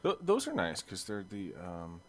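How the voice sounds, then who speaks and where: A young man co-hosting a podcast, chatting casually in a hesitant, halting way full of fillers and restarts. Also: deep voice, huge pitch swings. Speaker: podcast co-host. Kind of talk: casual chat.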